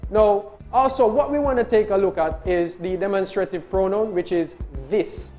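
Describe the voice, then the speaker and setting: A man's voice: sits high, normal speed, warm tone, faint music behind. A man with a Jamaican accent giving a casual video language lesson, spelling words out letter by letter and repeating phrases. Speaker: language teacher.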